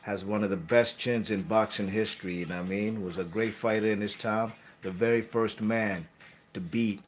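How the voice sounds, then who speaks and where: A man with a fairly low voice talks boxing history off the cuff. He rambles, corrects himself mid-sentence and keeps tagging his lines with "you know what I'm saying". A faint hiss of noise sits under the recording. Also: fairly even intonation, normal speed. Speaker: boxing channel host. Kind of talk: casual boxing history talk.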